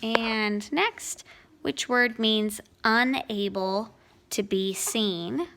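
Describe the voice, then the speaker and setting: A woman's voice: fairly high pitch, extremely slow, noisy background. A woman teacher working through a grammar lesson at home, explaining each answer patiently.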